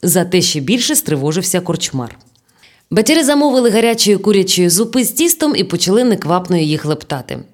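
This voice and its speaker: A woman narrating an audiobook in a lively storytelling manner. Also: on the low side, a little fast.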